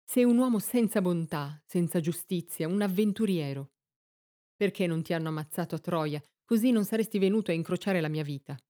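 A woman's voice: lowish voice, animated, a little fast, mellow, natural voice. A woman reading the lines of a betrayed, heartbroken queen in an impassioned, reproachful way. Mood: angry. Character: heartbroken queen Dido, betrayed by her lover.

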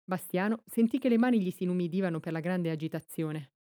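A woman reading an audiobook in a calm, measured storytelling voice. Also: lowish voice, no echo, studio quality. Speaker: audiobook narrator. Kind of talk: scripted audiobook narration.

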